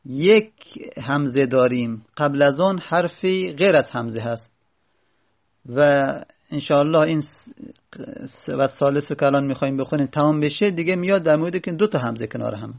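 A man's voice: fairly high pitch, gravelly. A man teaching a lesson, reading short lines of a grammar text and then explaining them step by step, often asking and answering his own questions.

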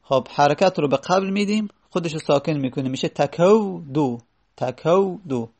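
A man gives a grammar lesson in a slightly high, gravelly voice. He walks through each rule one step at a time, stretching out and repeating the forms he explains. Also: darkish tone. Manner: explains step by step, repeating words slowly and drawn out. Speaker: teacher of Arabic grammar. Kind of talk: classroom lesson.

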